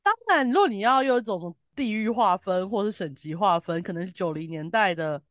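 Woman, southern Taiwanese Mandarin accent, very lively intonation, dry sound, blunt colloquial chat. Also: medium pitch, a little fast, no echo. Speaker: podcast co-host reviewing TV drama. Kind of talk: casual opinionated chat.

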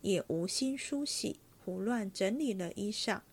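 A woman reading a classic novel aloud in an even, steady narration. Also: medium pitch, a little slow, slightly rough.

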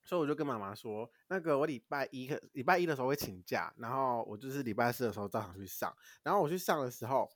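Young male podcast co-host, from Taiwan, quick and animated storyteller, dry close mic. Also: medium pitch, no echo. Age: young adult. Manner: animated, swears casually, laughs while telling. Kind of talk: casual storytelling chat.

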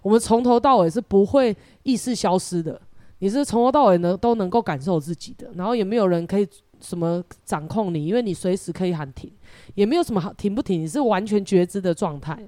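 Host, woman, mellow tone, dry close sound, lively explainer. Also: medium pitch, fast, no echo. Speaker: host and spiritual teacher. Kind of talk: casual podcast conversation.

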